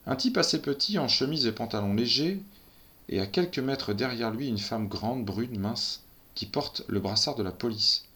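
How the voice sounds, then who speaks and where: A man's voice: mid-range voice, expressive, moderate pace, bright, forceful tone. A man reading a first-person story aloud in a tense, breathless storytelling manner. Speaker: narrator.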